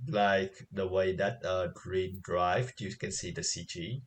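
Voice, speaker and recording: A man co-hosting a podcast, talking casually about anime in a halting way, with many fillers and quick agreements. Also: deep voice, little pitch movement. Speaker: podcast co-host. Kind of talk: casual chat reviewing anime.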